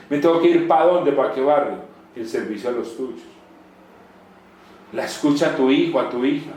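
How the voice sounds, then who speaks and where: A man preaching a sermon, animated, swinging between loud rhetorical questions and soft asides. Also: medium pitch. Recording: very echoey room.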